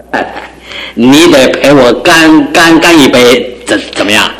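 A theatrical, wildly swinging bitter husband. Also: male voice, mid-range voice, expressive, slow, fairly bright tone, rough recording. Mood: drunk, boisterous. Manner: stammering, theatrical, stubborn. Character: bitter drunken husband and father craving a son. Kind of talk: radio drama acting.

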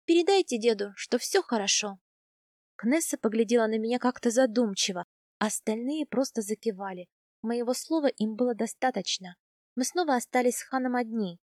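A woman reading a first-person novel aloud, soft and intimate in tone. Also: a little high, a little fast, no room sound, studio quality. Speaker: audiobook narrator.

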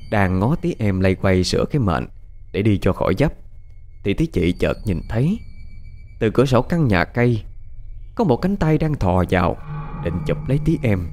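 A male storyteller tells a ghost story, his voice low and full of rises and falls. He stresses the frightening moments with drama. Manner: expressive, dramatic. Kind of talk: scripted ghost story narration.

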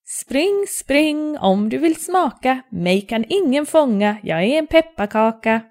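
A woman's voice: expressive, darkish tone. A woman doing a cheeky sing-song gingerbread man. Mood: taunting. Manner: high sing-song taunting chant.

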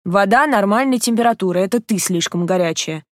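A woman voicing a calm, curt young man who is the story's hero, in her own reading voice. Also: mid-range voice, a little fast, dry recording, studio quality, lightly acted. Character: protective young man, the first-person hero.

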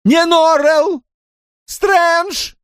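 A man voicing a cowardly, panicky gentleman in high, pleading, shrill tones in an audiobook. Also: steady tone, very slow, dry recording, clean studio sound, heavily acted.

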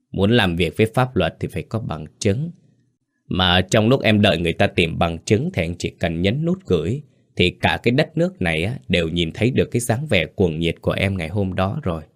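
A man playing a cold, scheming young man who speaks curtly and with resentment. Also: low voice. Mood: menacing. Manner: curt, cold, quick and resentful.

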